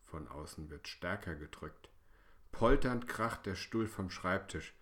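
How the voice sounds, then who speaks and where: A man narrates a spooky children's story with a hushed, suspenseful delivery. His voice sits deep and low, and he takes his time over every line. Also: animated, measured pace.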